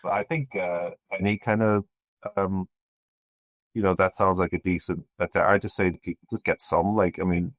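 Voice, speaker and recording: A man's voice: deep voice, fairly even intonation, normal speed, dry recording. A man from Ireland, a podcast guest talking in a meandering, hesitant way with many restarts. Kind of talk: casual conversation.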